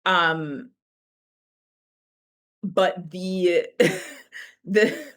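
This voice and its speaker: A woman from the Caribbean talking candidly to camera in a reflective vlog, animated and laughing between her thoughts. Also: lowish voice. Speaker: vlogger.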